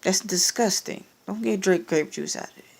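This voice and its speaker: A woman's voice: mid-range voice, normal speed, gravelly. A young woman telling a personal story in a casual, profane and sarcastic rant, acting out the exchanges. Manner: profane, sarcastic, animated retelling with quoted exchanges.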